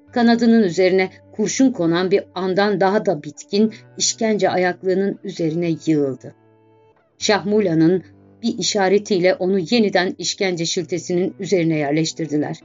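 A woman narrating a classic novel in a slow, measured reading. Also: fairly low pitch, a little mellow. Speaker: audiobook narrator. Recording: dull lo-fi audiobook with faint background music.

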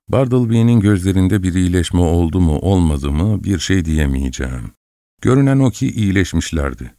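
Male audiobook narrator, very low voice, measured storytelling, dry close recording. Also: dry recording. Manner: measured, expressive first-person storytelling.

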